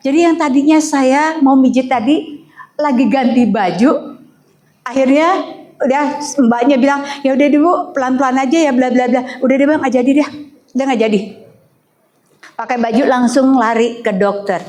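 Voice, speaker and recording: A woman pastor preaching with a personal testimony, storytelling in a lively way and acting out the voices of the people in her story. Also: normal speed, pauses often. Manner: animated storytelling, acts out voices, expressive pitch swings.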